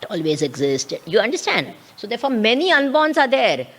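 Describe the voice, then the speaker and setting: A woman's voice: on the high side, big pitch swings, brisk, fairly bright tone, a little hiss or hum. A woman with an Indian accent giving a scriptural lecture as a spiritual teacher, repeating key words and posing questions to check understanding.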